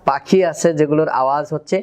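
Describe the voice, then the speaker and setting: A man's voice: on the high side, quick pace, darkish tone, clean tone. A man with a Bangladeshi Bengali accent teaching Quran letter pronunciation, explaining step by step and drilling syllables aloud. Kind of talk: pronunciation lesson.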